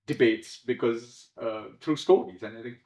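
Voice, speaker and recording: A man of middle pitch answering interview questions in a reflective, halting way, stopping to restart his thoughts with small laughs. The room around him is audibly echoey. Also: a little mellow. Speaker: playwright. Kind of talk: conversational interview. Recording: roomy echo.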